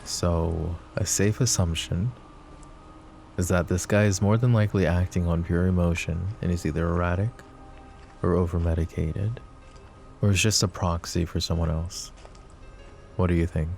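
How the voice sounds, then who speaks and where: A voice actor plays a possessive, overprotective mafia boss in an intimate roleplay audio drama, curt but caring toward the listener. His low, gravelly voice stays steady and darkish, measured and commanding, with a serious mood. Faint music runs behind him.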